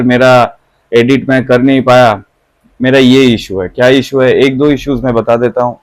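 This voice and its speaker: Man, thirties, exam coach: mid-pitched, dry close recording, chatty Hindi-English explainer who repeats himself. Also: dry recording, rough recording.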